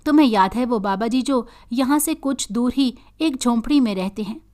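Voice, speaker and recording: A woman's voice: a little high, moderate pace, a little mellow, natural voice. A woman voicing a loyal young male friend who reassures the hero, in a read-aloud story. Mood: concerned.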